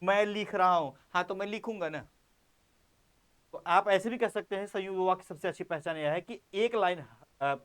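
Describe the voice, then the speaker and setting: High-voiced male teacher, playful. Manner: repeats words slowly while writing on board; playful, addresses students directly. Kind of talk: classroom grammar lesson.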